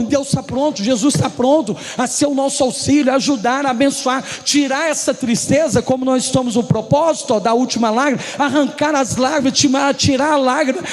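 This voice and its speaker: A man preaching a sermon to a congregation, acting out dialogue and rising to shouts. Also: very high voice. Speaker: pastor. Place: church hall. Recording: long church hall reverb.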